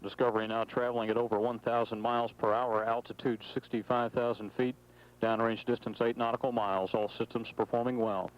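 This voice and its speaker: A man's voice: mid-range voice, little pitch movement, brisk. A man giving flight commentary over mission control radio in clipped, matter-of-fact status reports. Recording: dull, noisy mission control radio feed.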